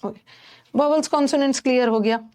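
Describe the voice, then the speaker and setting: A woman teaching a class, explaining pronunciation slowly and repeating each sound for her students. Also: high voice, warm tone. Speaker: English teacher. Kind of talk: classroom lesson.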